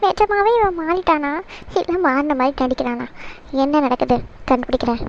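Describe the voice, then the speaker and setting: A woman's voice: sits high, expressive, moderate pace, muffled recording, slight background noise. A woman voicing a bickering, sarcastic young woman in a cartoon series, given to muttered asides. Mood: suspicious. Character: bickering sharp-tongued young woman, Kalai. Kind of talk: cartoon web series dialogue.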